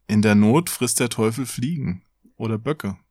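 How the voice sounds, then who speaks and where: A man's voice: medium pitch, normal speed, dark tone, dry recording. A man co-hosting a podcast, reading a fairy tale aloud and breaking off for playful, joking asides. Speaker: podcast co-host.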